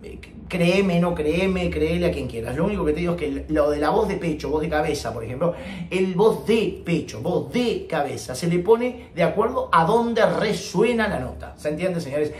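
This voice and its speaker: Male vocal coach, animated and joking, recorded in an echoey room. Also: a little high, normal speed. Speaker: singing teacher. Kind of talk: online singing lesson. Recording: echoey room, faint ambient noise.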